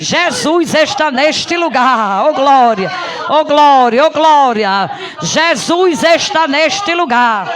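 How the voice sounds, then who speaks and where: A woman's voice: high-pitched, animated, takes it slowly, background noise. A woman preacher delivering an impassioned Pentecostal sermon at a prayer service, repeating praise cries and breaking into tongues.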